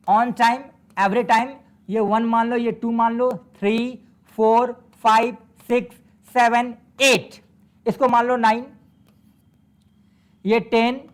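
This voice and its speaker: A man with an Indian accent teaching English grammar in a classroom lecture, slowly repeating key words to drill his students. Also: extremely high pitch.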